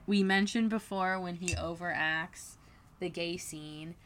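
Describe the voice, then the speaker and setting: A woman's voice: on the low side, steady tone, a little slow, a bit bright, slight background noise. A woman hosting a casual fan podcast, chatty and laughing as she retells scenes. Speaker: podcast host.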